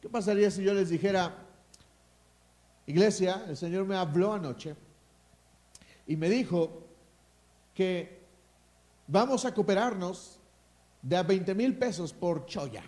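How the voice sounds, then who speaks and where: A man with a Mexican accent delivers a sermon as pastor, his voice sitting high for a man. He preaches emphatically, drops into quiet asides and then rises to loud declarations, and he calls for responses from the congregation. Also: lively intonation, slow, pauses often.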